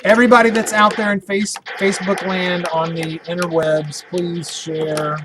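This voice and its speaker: Excitable man chatting while gaming. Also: sits high, normal speed, background noise. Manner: excitable, joking. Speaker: arcade gamer on a record attempt. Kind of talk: casual chat while playing.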